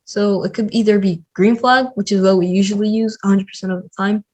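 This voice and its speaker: Chatty and filler-heavy, leaning on "like" and "um," a man runs a casual screen-recorded coding tutorial. His high-sitting voice is brisk with fairly even intonation. The audio is poor, with slight background noise.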